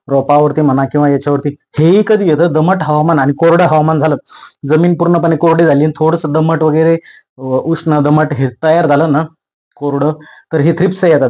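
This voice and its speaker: Young farmer-host, rapid and slightly high-pitched, folksy explainer who repeats himself and acts out bugs. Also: male voice, rough recording. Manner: lively, folksy, repeats points, mimics insects. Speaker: farming channel host.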